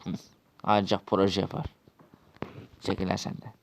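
A man's voice: deep voice, monotone, measured pace, creaky, background noise. A man acting out a quarrelsome, swearing Minecraft role-play dialogue.

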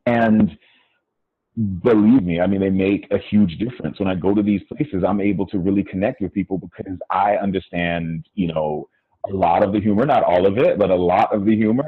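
A middle-aged American man joins a casual conversation as a podcast guest over a video call, using an earphone mic in a small indoor room. His voice is low and husky, and he's reflective, with many fillers and restarts. The line sounds dry, tinny, and phone-like, with no echo.

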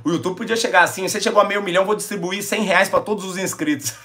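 A Brazilian man hosting a live stream, excitable and emotional, talking in slangy casual chat and close to tears. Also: high-pitched, fast. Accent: Brazilian Portuguese. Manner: excitable, slangy, calls everyone "véi". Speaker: YouTube streamer.

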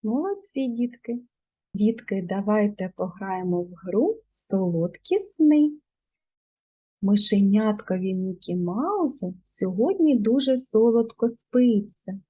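Slow sing-song woman speech therapist. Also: mid-range voice, expressive, warm tone, slightly rough. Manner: slow, over-articulated, sing-song prompting for children. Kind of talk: children's speech therapy lesson.

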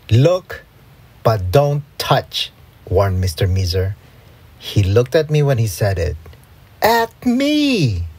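A woman's voice: rumbling low, husky. A woman reading a children's storybook aloud, voicing the characters. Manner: slow, lively read-aloud with voiced characters. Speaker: storybook reader.

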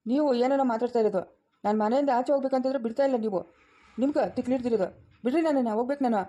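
Woman doing a confused village dad, talks fast, says the same thing over and over, kinda dark mellow voice. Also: high-pitched, lo-fi sound. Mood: agitated. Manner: insistent, repeats himself. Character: dazed middle-aged village father, restless. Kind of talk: family village drama.

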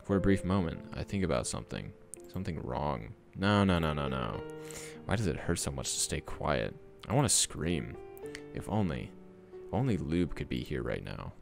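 A man's voice: extremely low pitch, very animated, normal speed, gravelly, heavily acted. A man reading as a sad teenage girl, Sayori. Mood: sad inner monologue. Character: cheerful teenage girl with hidden sadness. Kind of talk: reading game dialogue aloud. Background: background music.

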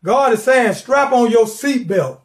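A man's voice: extremely high pitch, lively intonation, a little slow. A middle-aged man preaching a sermon from his living room, fervent and repeating words as he builds, calling for responses.

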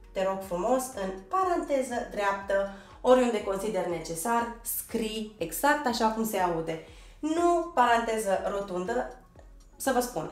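Woman teacher from romania, spells stuff out letter by letter, drills pronunciation, echoey room on a desk mic. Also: medium pitch. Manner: checks in with the learners often. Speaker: English teacher. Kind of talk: online language lesson. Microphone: desk microphone.

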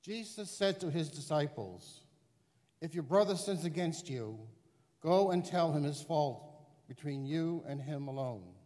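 A man's voice: a little high, expressive, measured pace, mellow. A man, a priest, proclaiming the Gospel at Mass in a formal, declaiming way, heard with a cathedral echo. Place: large church. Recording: distant mic in long church reverb.

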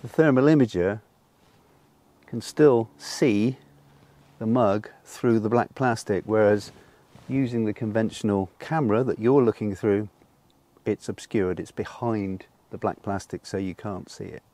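Speaking a little slowly in a lowish, mellow voice, an older man explains his solar cooking demonstration in a garden. It's unscripted and patient, peppered with ums, and picked up by a lapel mic.

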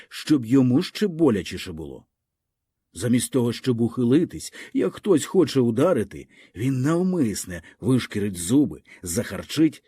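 A male audiobook narrator reads a literary story with lively, expressive pacing. His voice is mellow and slightly husky, and his pitch swings widely. The recording is dry and close, with no room sound. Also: dry recording. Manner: expressive storytelling with vivid dynamic reading.

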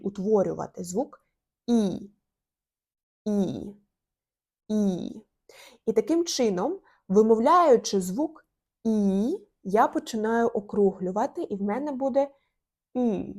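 A woman's voice: medium pitch, darkish tone, breathy edge. A young woman teaching an online language lesson, repeating each letter and word and drawing out the sounds. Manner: slow, drawn-out demonstration of sounds.

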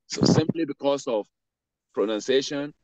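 A man teaching an Arabic pronunciation class online, saying words slowly and carefully and then explaining the rules behind them. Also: mid-range voice, dry recording. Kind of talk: online class with read-after-me drills. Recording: dull lo-fi online class audio.

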